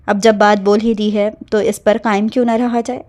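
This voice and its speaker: A woman's voice: medium pitch, level tone, a little mellow, natural voice. A woman voicing a teasing young male police officer in a storybook reading. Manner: cocky, teasing.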